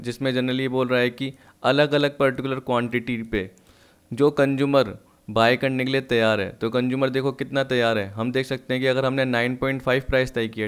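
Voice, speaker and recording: A man teaching an economics lesson, explaining step by step and slowly reading out textbook lines in English. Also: medium pitch, clean tone. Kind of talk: recorded online lesson.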